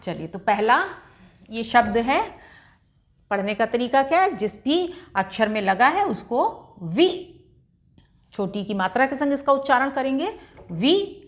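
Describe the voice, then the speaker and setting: A woman teaching beginners to read, patiently sounding out each syllable and then blending them into whole words, with encouraging questions to her learners. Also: a little high. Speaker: Hindi reading teacher. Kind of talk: slow, patient spelling-out lesson.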